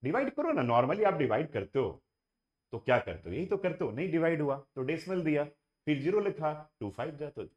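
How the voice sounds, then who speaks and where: Speaking briskly in a fairly high voice with very animated pitch, a man teaches maths to students in the room and viewers online, switching between Hindi and English. He repeats key points and puts questions to the class, and the recording has its highs cut off.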